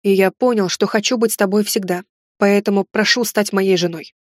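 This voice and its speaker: A woman voicing a tender, nervous young man in an audiobook, earnest and gentle. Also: medium pitch, fairly even intonation, brisk, no room sound, studio quality, natural voice. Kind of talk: audiobook character reading.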